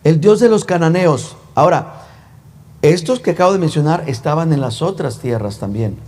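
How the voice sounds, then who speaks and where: A man's voice: a little high, lively intonation, normal speed, a little mellow. A male pastor preaching a sermon in a conversational, teasing way, full of rhetorical questions. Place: church sanctuary. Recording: long church reverb.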